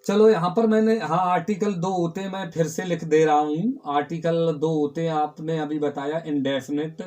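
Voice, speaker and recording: With a slightly high, darkish voice, fairly even intonation, and normal speed, a male teacher gives a grammar lesson in class. He explains step by step, repeats key words, and tends to put questions to the class that he answers himself.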